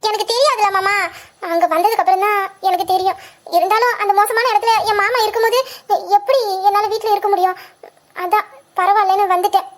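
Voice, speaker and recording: Someone voicing a very high, quick sweet young girl. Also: steady tone. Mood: tender. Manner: earnest, fond, giggly. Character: sweet affectionate young girl who adores her uncle. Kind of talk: audio drama acting.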